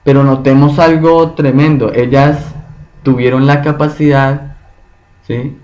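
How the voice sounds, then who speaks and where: Man, Bible study teacher, slow deliberate delivery, muffled lo-fi sound. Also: mid-range voice, fairly even intonation, a little mellow. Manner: slow, asks the group frequent rhetorical questions. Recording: dull lo-fi recording.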